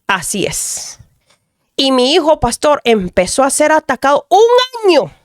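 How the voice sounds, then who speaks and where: A woman's voice: high voice, wildly swooping pitch, measured pace, no echo, clean studio sound. A mother gives an earnest testimony, often addressing the pastor. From Dominican Republic. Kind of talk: radio testimony.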